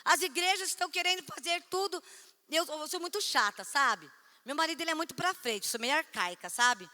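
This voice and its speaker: A woman's voice: sits high, animated, a little fast, bright, forceful tone. A woman pastor preaching at a church conference, chatty and storytelling, acting out conversations. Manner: chatty, storytelling, acts out dialogue. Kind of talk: conference sermon. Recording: echoey church hall.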